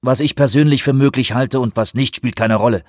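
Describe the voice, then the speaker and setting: A man's voice: medium pitch, a little fast, darkish tone, dry recording, studio quality, voice pushed up, close to an everyday voice. A man voicing a curt, dismissive male defense secretary in an audiobook reading.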